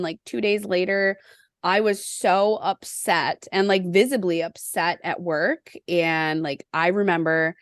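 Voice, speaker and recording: A woman's voice: fairly low pitch, clean tone, no echo, studio quality. A woman hosting a podcast, who tells a personal story reflectively and acts out the quotes in it. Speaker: podcast host. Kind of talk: podcast interview conversation.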